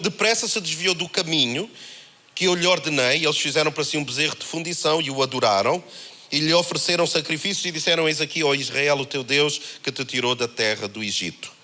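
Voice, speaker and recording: A man with a European Portuguese accent preaching a sermon, in a conversational, animated way that acts out the voices he quotes. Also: a little high. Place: church held in a cinema.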